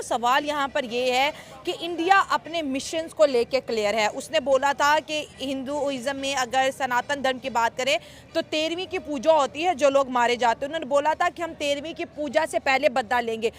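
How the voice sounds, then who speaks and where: A woman host with a Pakistani Urdu accent, questioning a guest and speaking straight to viewers. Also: high voice. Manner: questioning, addresses viewers directly. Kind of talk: street interview and commentary to viewers.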